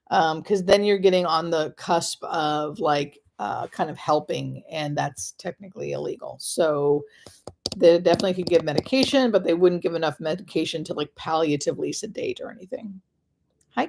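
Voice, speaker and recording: A woman's voice: fairly low pitch, vocal fry, darkish tone. An American woman working as a hospice nurse answers questions on a casual live stream, explaining things conversationally with stop-and-start phrasing and emphatic repetition.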